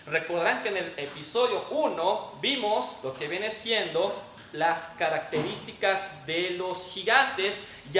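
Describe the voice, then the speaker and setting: A high, bright voice with a forceful tone belongs to a man with a Mexican accent delivering an emphatic, didactic sermon that includes Bible reading and prayer. The echoey room, distant mic and faint noise shape the sound.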